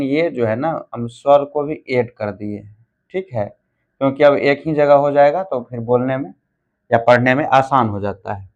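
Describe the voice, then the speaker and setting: A man's voice: medium pitch, darkish tone, muffled recording. Man teaching grammar, asking and answering himself. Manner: asks questions and answers them himself; repeats and counts things out. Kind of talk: exam-prep grammar lesson.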